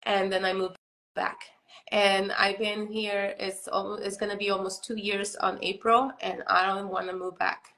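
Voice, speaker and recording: A woman's voice: medium pitch, level tone, unhurried, gravelly, bright, forceful tone. A woman in her forties from Mexico, hosting a live video chat in a casual, rambling way, filling her talk with "you know" and "like". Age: 40s. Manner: chatty, many fillers like "you know" and "like". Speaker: live stream host.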